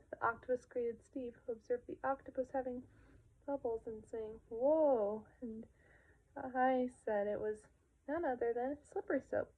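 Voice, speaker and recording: A woman casually retelling a children's episode, with occasional whispered asides. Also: fairly high pitch. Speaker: storyteller. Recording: narrow phone-like sound.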